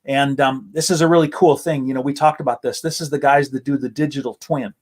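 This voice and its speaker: A man's voice: mid-range voice, fairly even intonation, fast, darkish tone. An American man hosting a casual, enthusiastic live-stream chat outdoors in a backyard. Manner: upbeat, enthusiastic. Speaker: host.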